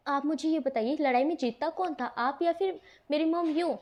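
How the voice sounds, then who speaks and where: A woman's voice: sits high, moderate pace, highs cut off, lightly acted. A woman voicing a playful, cheeky teenage boy who teases and protests in a storybook reading. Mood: teasing. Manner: teasing, whiny protests.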